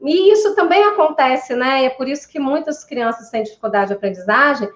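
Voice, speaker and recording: High-voiced woman in an echoey room. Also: brisk. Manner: thoughtful, explanatory, frequent hesitations. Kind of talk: casual conversation. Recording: echoey muffled room sound.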